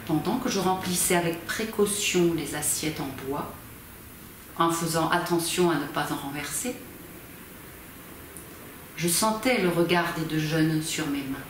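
This is a theatrical novel reading by a woman in her fifties, a volunteer amateur reader whose low-pitched voice moves with measured, expressive phrasing. It was recorded indoors by a camera positioned at a distance in a small library corner, in a very echoey room where faint background noise is present.

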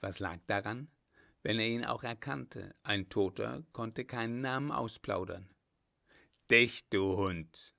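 A man reading a classic novel aloud as an audiobook, in a slow, deliberate manner. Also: lowish voice, creaky. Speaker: audiobook reader.

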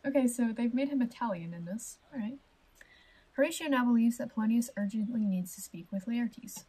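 A woman's voice: fairly high pitch, brisk, warm tone, breathy edge, low-quality recording. A woman chatting casually through a game playthrough with giggly asides. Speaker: game streamer. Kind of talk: casual gameplay commentary.

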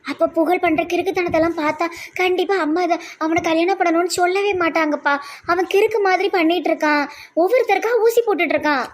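High fast-talking young daughter, a woman playing her, soft pleading tone, tirunelveli tamil accent.

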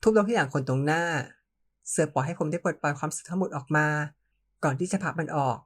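A reader narrating a first-person romance audio novel in a calm storytelling manner. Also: medium pitch, fast talker, slightly rough.

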